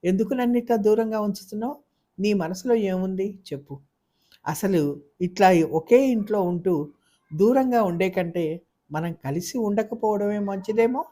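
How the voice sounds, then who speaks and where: కథకులు పలికే ఆడియో నవల కథానాయిక, భర్తను ప్రశ్నించే బాధాతప్త స్త్రీ. మాటల్లో వేదన, పట్టుదల కలిసి వినిపిస్తాయి. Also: female voice, lowish voice, unhurried, warm tone. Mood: pleading, hurt. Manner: pleading then fiercely defiant. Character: hurt, defiant young wife and mother. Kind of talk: audiobook character voice.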